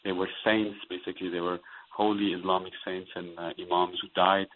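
A man from Iran speaks in a low voice over a tinny phone line. He tells his story in an earnest, halting way, pausing often and filling the gaps. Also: level tone, slight background noise. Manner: earnest, halting with many fillers. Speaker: pastor and interview guest. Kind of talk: phone interview.

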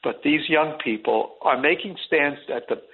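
Over a tinny phone line, a middle-aged man with a fairly high, husky voice talks at a moderate pace. As an interview guest he's earnest and rambling, frequently restarting his sentences.

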